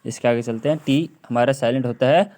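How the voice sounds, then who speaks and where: A man teaching an English lesson, repeating each word several times and often clearing his throat. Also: mid-range voice, brisk, a little mellow. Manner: repeats words over and over, drawn out, with frequent throat clearing. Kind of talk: classroom lesson on silent letters.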